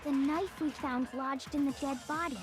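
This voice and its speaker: A woman's voice: high-pitched, fairly even intonation, normal speed, lightly acted. A woman voicing an earnest, worried teenage girl student in an anime murder trial game. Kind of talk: anime video game voice acting. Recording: game music behind voice.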